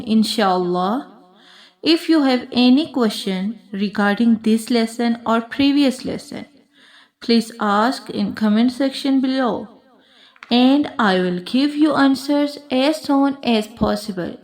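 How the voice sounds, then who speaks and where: A woman teaching a slow alphabet lesson for children, deliberately repeating each sound for pupils to copy. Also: on the high side, darkish tone, rough recording. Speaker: Quran teacher.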